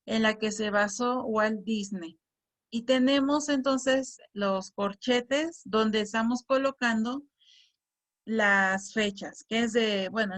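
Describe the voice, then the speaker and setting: A woman teacher patiently explaining a lesson, often repeating words and reading example sentences aloud with exaggerated intonation. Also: fairly high pitch. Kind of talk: slow explanatory lesson on punctuation.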